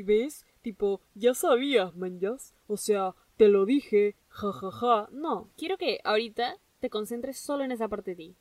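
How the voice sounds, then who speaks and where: A woman hosting a solo podcast, giving an excitable, gushing pep talk and dropping English phrases into her speech. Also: mid-range voice, no room sound, recorded from a distance. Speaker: podcast host.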